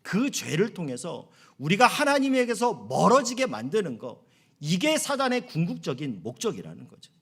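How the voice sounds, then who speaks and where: A man's voice: sits high, huge pitch swings, moderate pace, a bit bright, slightly rough. A middle-aged man preaching a sermon as pastor, earnest, lifting his voice on key phrases. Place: church sanctuary.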